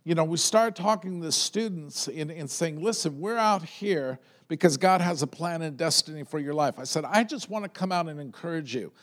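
A male pastor delivers a conversational sermon loudly, frequently repeating words as he builds toward a point. His fairly high voice is expressive, moving at normal speed with hardly any pauses.

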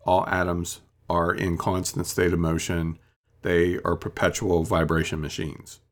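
A man with a very deep voice gives a casual spiritual talk on his own. He wanders through his thoughts, pausing on ums and asides as he goes. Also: level tone. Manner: rambling, reflective, many ums and asides.

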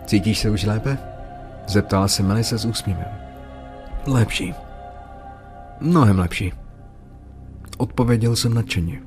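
A man with a fairly low voice telling a horror story in a steady, scripted way. He occasionally gets louder for the characters' lines. Faint music plays underneath. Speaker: narrator.

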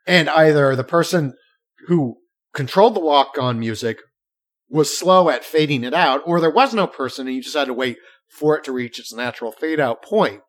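A man co-hosting a podcast, chatting casually and telling stories in an animated way with frequent restarts. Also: on the high side, moderate pace. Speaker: podcast co-host. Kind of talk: casual chat.

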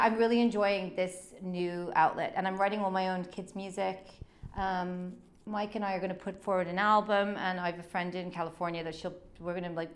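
Female interview guest, children's drama teacher, average pitch, enthusiastic and informal. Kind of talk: casual chat.

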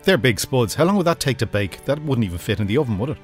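A man hosting a casual chat, lively and quick to restart his sentences. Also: medium pitch, faint music behind. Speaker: host.

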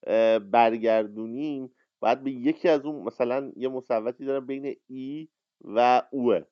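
A man's voice: medium pitch, clear, resonant tone, no room sound, highs cut off. A man hosting a literary workshop, speaking in a rambling, hesitant way with many fillers over an online audio call. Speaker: workshop host. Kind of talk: casual lecture on a live audio chat.

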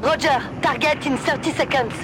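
Une comédienne qui joue une femme pilote de chasse, cheffe de patrouille, parlant par radio casque dans le cockpit avec un ton net de procédure radio. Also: female voice, high-pitched, moderate pace, noisy background. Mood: tense. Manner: crisp clipped radio procedure talk. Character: woman fighter pilot, calm patrol leader. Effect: pilot talking over a cockpit headset radio.

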